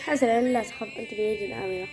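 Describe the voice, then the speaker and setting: A woman voicing characters in a home-made toy drama, speaking in a soft, soothing way. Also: on the high side, fast, music in the background. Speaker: narrator and voice of all characters.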